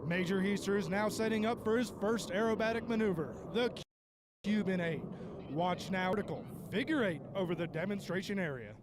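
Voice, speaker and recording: High-pitched male airshow commentator. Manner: formal, showman-like delivery with drawn-out introductions. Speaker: airshow announcer. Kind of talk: airshow commentator narration over a PA, scripted and dramatic. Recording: loud aircraft and outdoor ambience noise.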